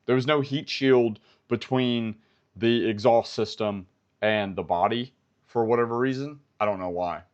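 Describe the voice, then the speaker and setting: An American vlogger giving live-stream commentary, retelling events in a storytelling way and repeating himself. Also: male voice, mid-range voice, unhurried, smooth, lo-fi sound. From United States.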